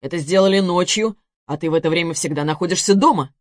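Женщина-чтец озвучивает холодного, спокойного мужчину средних лет, говорящего сдержанно и пренебрежительно. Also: female voice, on the low side, fast, dry recording, studio quality, close to an everyday voice. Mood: cold. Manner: cold, restrained, dismissive. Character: cold, calm, wealthy middle-aged husband. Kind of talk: audiobook character voice.

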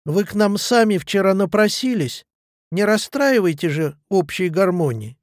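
Man reading as a blunt gruff officer. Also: high voice, lively intonation, normal speed, dry recording, clean studio sound. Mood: rude. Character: blunt rude young male officer.

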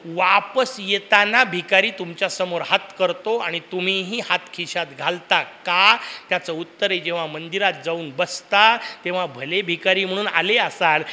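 A man giving a devotional discourse, telling stories and asking the audience questions. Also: sits high. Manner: lively storytelling with rhetorical questions to the audience. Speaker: preacher. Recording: long hall reverb.

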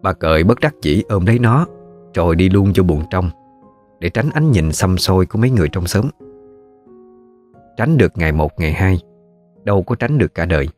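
A man with a Southern Vietnamese accent narrating a ghost story in a steady, folksy way. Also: deep voice, brisk, pauses often, faint music behind.

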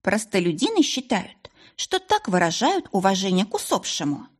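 A woman's voice: mid-range voice, very animated, moderate pace, husky. A woman reading an audiobook, voicing a stern, blunt older housemaid who grumbles. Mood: disapproving.

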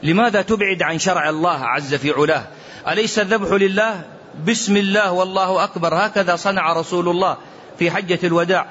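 Man, religious Q&A lesson, fairly high voice, muffled recording with faint hiss. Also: fast talker, fairly bright tone. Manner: earnest preaching, mixes classical and dialect, quotes others. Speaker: Islamic scholar answering questions. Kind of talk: religious Q&A lesson with colloquial asides.

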